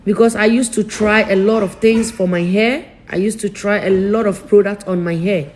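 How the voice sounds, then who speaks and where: Woman, emotional personal vlog, repetitive storytelling, soft warm tone, faint background noise. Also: mid-range voice, steady tone, poor audio. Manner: slow, repetitive storytelling with simple phrasing; emotional, soft-spoken confiding. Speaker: vlogger.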